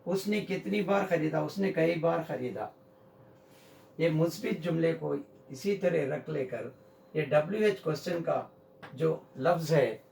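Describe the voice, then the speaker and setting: Man, English teacher, high gravelly voice, echoey room, mic far off. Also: a little mellow, slight background noise. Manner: slow, repeats example sentences. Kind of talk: whiteboard grammar lesson.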